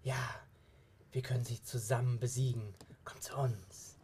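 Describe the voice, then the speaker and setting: A man's voice: medium pitch, level tone, unhurried, warm tone, a little hiss or hum, close to an everyday voice. Coaxing half-whispered spirit chorus from the abyss, one man, tabletop game. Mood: luring.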